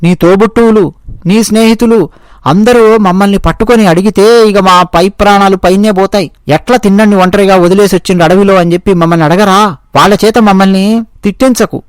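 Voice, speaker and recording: A man speaks as worried young hunters, pushing and insistent as they try to drag their friend home. The voice sits fairly high and sounds close and dry, as in a told folk tale. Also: steady tone, a little fast, clean tone, dry recording, close to an everyday voice. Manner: insistent, urging. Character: group of young male hunters, worried and urging.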